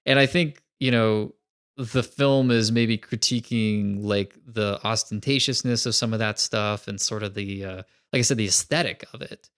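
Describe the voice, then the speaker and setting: A man's voice: fairly low pitch, normal speed, fairly bright tone, clear, resonant tone. A man co-hosting a podcast, talking through a film in a thoughtful, hedging way. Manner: thoughtful, hedging, builds arguments. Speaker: podcast co-host. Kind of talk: casual film discussion.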